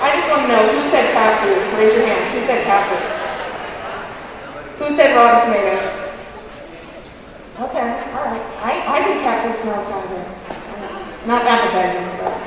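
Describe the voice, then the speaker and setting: Echoey, high-voiced woman speaking through a mask. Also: normal speed, pauses often, a crowd in the background. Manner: chatty, self-deprecating, playful. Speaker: keynote speaker and preschool teacher. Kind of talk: informal keynote speech with audience games. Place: large indoor gymnasium. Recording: very echoey gym, distant, faint noise.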